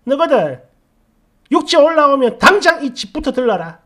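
A shrill, nagging older mother-in-law, put on by a woman narrator, pitched well above her usual voice and thinner in tone. She scolds loud and fast, swinging wildly in pitch, a storybook villain of the family. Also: lively intonation. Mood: yelling. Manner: scolding, wailing, shouting.

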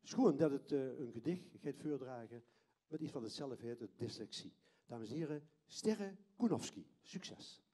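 A man's voice: mid-range voice, lively intonation, unhurried, warm tone. A man in his fifties with a Limburgish Dutch accent, hosting live on a theatre stage with a handheld microphone in informal, hesitant phrases. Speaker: stage host, schoolteacher. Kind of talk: live presenting and chatting with contestants. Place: theatre stage before an audience.

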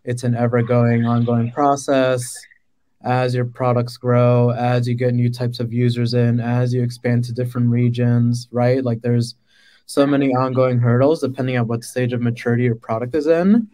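A man's voice: medium pitch, flat delivery, normal speed, mellow. A man in his thirties from the Dominican Republic, a product manager on a video-call panel, talking casually with lots of "like" and "right?". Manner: conversational, fillers like "right?" and "like". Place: small room indoors. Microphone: laptop webcam mic on a video call.

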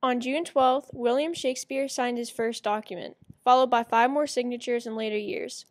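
A woman's voice: a little high, steady tone, moderate pace. A woman narrating a school project presentation, reading evenly from a script. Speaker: student presenter.

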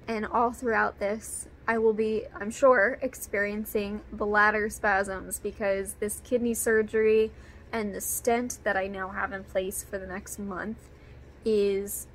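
Woman, hoarse voice, casual vlog chat, rambling, lots of fillers, faint background noise. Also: mid-range voice, fairly bright tone. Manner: chatty and rambling, with frequent fillers. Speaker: vlogger.

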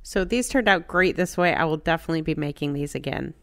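A middle-aged woman narrating her home cooking step by step in a relaxed, chatty way. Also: sits low, fast talker. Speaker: cooking channel host.

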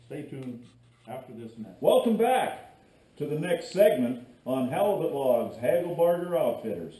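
A man's voice: mid-range voice, sing-song, measured pace, mellow. Joking middle-aged man in an echoey garage. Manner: joking, rambling, chatty asides while working. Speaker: fishing video host. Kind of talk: casual how-to vlog. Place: cluttered garage workshop. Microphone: far camera on a tripod. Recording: echoey garage with faint hum.

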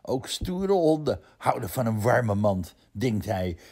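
A storyteller reading a children's picture book aloud in a gentle, expressive way. His voice is husky, and his pitch moves a lot as he tells the story. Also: slow pace.

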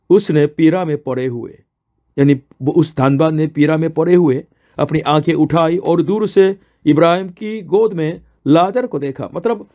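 A man preaching a sermon with a fairly high voice and a dark, mellow tone. He is earnest and explains as he goes, often asking a question and then answering it himself.

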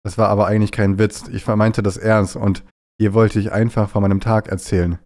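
A man with a fairly low voice chats on a live stream as he plays, restless and playful, jumping into silly bits between moves. He sounds stuffy, with a runny nose from a cold. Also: flat delivery, a little fast, darkish tone. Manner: playful, jumpy, often breaks into silly bits. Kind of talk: casual live-stream chat while gaming.

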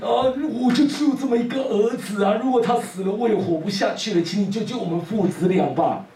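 Desperate, begging father, high and shaky, a male teacher acting; faint hiss. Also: brisk, dark tone, close to an everyday voice. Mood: pleading. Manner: stammering, begging. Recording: roomy classroom from a distance.

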